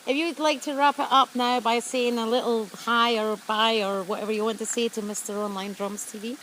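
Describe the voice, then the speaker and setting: A woman conducts an outdoor interview, asking questions softly and encouragingly. Her voice sits a bit high. A faint hum of outdoor noise runs underneath. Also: steady tone, fairly quick, low-quality recording. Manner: soft-spoken, encouraging, laughs often. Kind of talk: casual interview.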